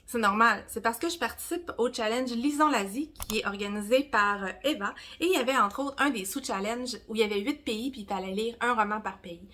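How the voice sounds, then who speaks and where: A woman in her forties with a Québécois accent, giving a casual, rambling review of her month's reading, with self-mocking asides and some soft whispered comments. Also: a little high, fairly quick, hardly any pauses. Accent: Québécois French. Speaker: book vlogger.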